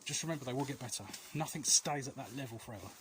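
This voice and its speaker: In a rough recording, a vlog host with a mid-range voice races through a casual, rambling chat while walking outdoor alleys. He offers viewers earnest, reassuring advice, often losing his thread, as clear ambient outdoor noise plays behind him.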